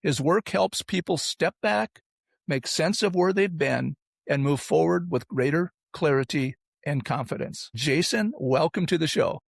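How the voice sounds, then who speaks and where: A man hosting an interview podcast, presenting and asking questions in a measured, prepared style. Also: a little high, gravelly, no echo, clean studio sound. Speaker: podcast host. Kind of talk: scripted introduction and interview hosting.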